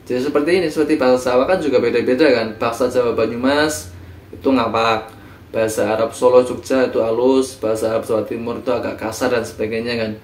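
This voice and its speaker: A man explains history in a loose, chatty lecture, often pausing and correcting himself as he goes. His voice sits in an ordinary middle register. He is recorded from a distance in a room that echoes. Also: medium pitch. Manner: relaxed, conversational, frequent fillers and self-corrections. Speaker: teacher.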